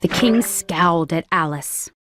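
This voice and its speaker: A woman reading a children's storybook aloud in a clear, measured narration. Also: fairly low pitch, over music.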